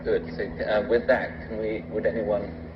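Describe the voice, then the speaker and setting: A man speaking in a formal public discussion, making his argument in a measured, articulate but hesitant way. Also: on the low side, level tone. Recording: dull, noisy recording with room ambience.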